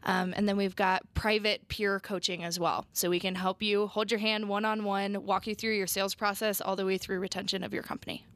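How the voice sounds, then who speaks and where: A woman's voice: mid-range voice, flat delivery, brisk, hardly any pauses, fairly bright tone, no room sound. A woman guest on a radio show, explaining her business services in an upbeat, explanatory way and laughing easily. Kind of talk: radio interview.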